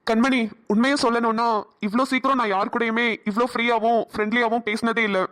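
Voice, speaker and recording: A woman's voice: fairly high pitch, steady tone, fast talker, a bit bright, close to an everyday voice. A woman voicing a caring young man in a cartoon drama, speaking in a soothing, coaxing, earnest way. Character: caring young man Karthik, gentle supportive friend.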